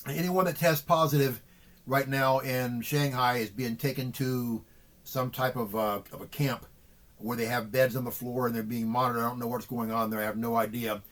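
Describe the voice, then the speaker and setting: A man's voice: medium pitch, steady tone, moderate pace, fairly bright tone. A middle-aged man talking earnestly to his viewers in a vlog monologue, repeating words and restarting sentences often. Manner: earnest, repetitive, with frequent restarts. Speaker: vlogger. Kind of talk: emotional monologue to camera.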